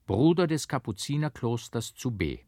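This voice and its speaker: A man voicing a calm, kindly clergyman who speaks gently and reassuringly in an audiobook. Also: medium pitch, moderate pace, no room sound, studio quality, pitched above the performer's own voice, close to an everyday voice.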